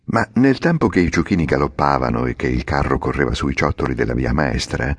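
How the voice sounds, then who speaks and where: A man's voice: a bass voice, animated, a little fast, husky, no echo, clean studio sound. A man reading a classic children's novel aloud as an audiobook narrator, in a theatrical, vivid storytelling manner. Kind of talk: scripted narration.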